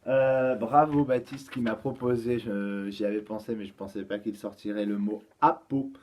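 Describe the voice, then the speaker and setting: Male teacher, patient and slow, for small children, lots of hesitations. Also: on the low side, steady tone, a little mellow, slight background noise. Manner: patient, explains slowly with many fillers. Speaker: kindergarten teacher. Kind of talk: home-schooling lesson for young children.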